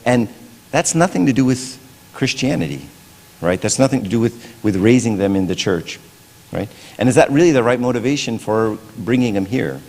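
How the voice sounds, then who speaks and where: A man's voice: mid-range voice, expressive, normal speed, darkish tone. A man giving a casual, conversational sermon in a church, often checking in with the listeners by asking "right?". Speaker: preacher. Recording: long church reverb.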